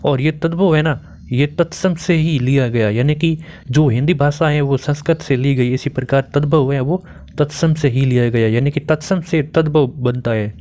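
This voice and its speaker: A man's voice: a little high, normal speed, darkish tone. A young man giving an exam-prep grammar lesson, asking questions and then answering them himself. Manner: asks and answers his own questions. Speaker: Hindi grammar teacher.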